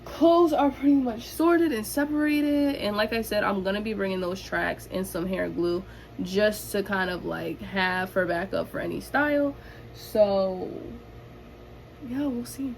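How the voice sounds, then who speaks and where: A young woman chats to her camera in a bubbly, gushing sorority-girl way, stretching words for emphasis. Her mid-pitched voice often drops into a creaky fry. It is a casual home recording with faint noise behind her. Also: a little slow. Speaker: vlogger. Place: indoors in a room at home.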